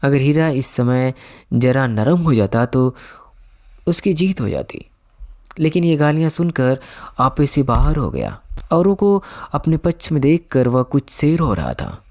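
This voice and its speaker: A man narrating an audiobook in a steady storytelling manner. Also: mid-range voice, a little slow. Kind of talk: scripted narration.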